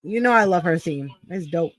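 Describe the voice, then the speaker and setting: A woman's voice: on the low side, lively intonation, normal speed, dry recording. A woman with a Brooklyn accent co-hosting a wrestling podcast, chatting in a teasing, playful way. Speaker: podcast co-host. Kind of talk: casual chat reviewing a wrestling show.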